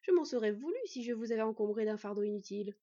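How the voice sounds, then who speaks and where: Woman reading as a calm, wry she-wolf. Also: on the high side. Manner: measured and gently wry. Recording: dull lo-fi recording.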